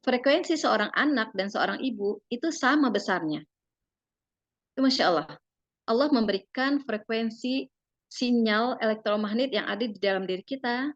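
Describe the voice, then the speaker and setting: Soft-spoken woman giving a parenting seminar. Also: fairly high pitch, no room sound, dull audio. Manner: filler-laden, tags phrases with "gitu ya"; addresses parents directly, gently persuasive. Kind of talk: seminar talk with slides.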